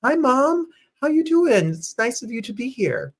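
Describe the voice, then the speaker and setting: A man's voice: very high-pitched, sing-song, a little slow. A man hosting a casual livestream chat show from home, upbeat and chatty, greeting viewers by name. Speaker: host.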